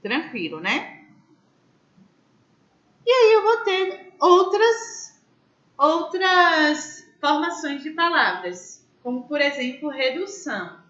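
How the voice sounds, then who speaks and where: A woman's voice: high voice, very animated, slow pace, long pauses, fairly bright tone, echoey room, lo-fi sound. A woman teaching a grammar class, explaining step by step and asking her students questions. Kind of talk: online class lecture.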